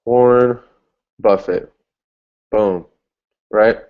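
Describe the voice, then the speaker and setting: A male online marketing instructor, a native English speaker, casually walks through an ad setup on a screen share, thinking aloud as he clicks, restarting often and tossing in upbeat asides. His voice is on the low side with fairly even intonation. He speaks very slowly, and the audio is dull.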